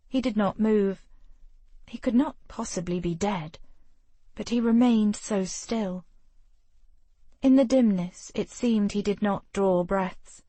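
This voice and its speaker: Woman audiobook narrator, unhurried, steady, dry studio sound. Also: mid-range voice, dry recording. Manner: measured, steady storytelling. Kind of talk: scripted narration of a historical romance.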